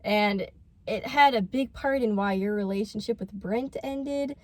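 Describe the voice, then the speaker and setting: A woman's voice: medium pitch, a little slow, a little mellow, dry recording. A young woman telling a story in casual vlog chat, full of fillers. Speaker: vlogger.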